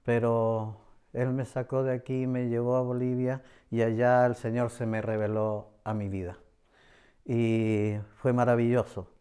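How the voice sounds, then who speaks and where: A middle-aged man with a Chilean accent shares a personal religious testimony in an earnest, repetitive way. His voice is warm and mellow, smooth and clear. He often pauses on hesitant fillers between phrases. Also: mid-range voice, little pitch movement. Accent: Chilean Spanish. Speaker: church member giving testimony.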